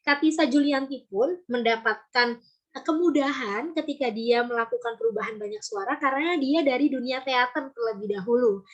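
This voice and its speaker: A woman's voice: high-pitched, lively intonation, normal speed, dull audio. A woman storytelling trainer teaching volunteers in a casual workshop, breaking off to demonstrate voices and intonations.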